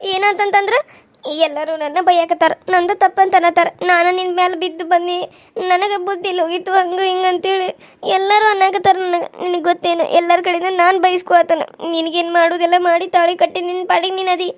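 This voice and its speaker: A woman's voice: very high-pitched, flat delivery, fairly quick. A woman voicing a tearful young wife in a cartoon serial, crying and pleading. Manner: sobbing, pleading.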